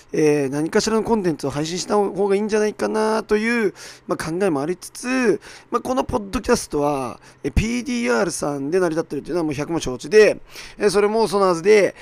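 A man with a hoarse, raspy, worn-out voice talks casually and self-deprecatingly on his own as a podcast host. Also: sits high, no echo. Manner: self-deprecating, apologetic, with mock-quoted asides. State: hoarse, worn-out voice from shouting at an event. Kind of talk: casual solo podcast monologue.

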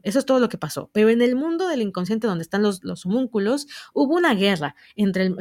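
A woman talks through a story in a loose, chatty way, often pausing to check in with the listener. Her voice sits at an ordinary middle pitch. The sound is dry and close, with no room echo. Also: darkish tone. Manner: chatty, explains with frequent checks like "¿vale?". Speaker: manga reviewer. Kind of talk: casual spoken recap.

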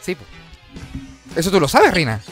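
High-voiced Chilean man telling comedy stories. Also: normal speed, soft background music. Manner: animated, slangy and profane. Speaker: comedian host. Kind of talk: casual comedic storytelling.

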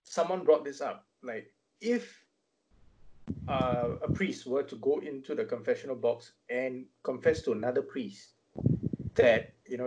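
A man, co-hosting a podcast and explaining things in a measured way. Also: mid-range voice, noisy background. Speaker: podcast co-host. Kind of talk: casual chat.

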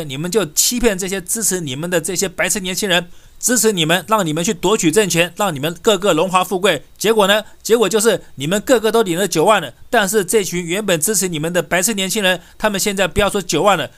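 A man's voice: high voice, fairly bright tone. A man delivering a scornful political rant, firing off insulting rhetorical questions. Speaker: political commentator. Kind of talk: ranting political commentary.

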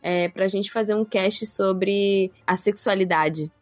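A Brazilian woman hosts a relaxed podcast conversation, circling her thoughts with steady fillers. Her voice sits mid-range and sounds close and dry, with no room around it. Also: mid-range voice, takes it slowly, no room sound. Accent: Brazilian Portuguese. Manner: meandering, frequent fillers like "tipo" and "né". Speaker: podcast host. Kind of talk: casual podcast chat.

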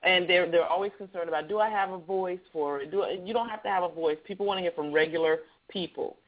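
This radio host is a man who describes his own voice as heavy, though it comes across high and fast. His interview talk is chatty and meandering, full of restarts, heard over a thin, phone-like connection.

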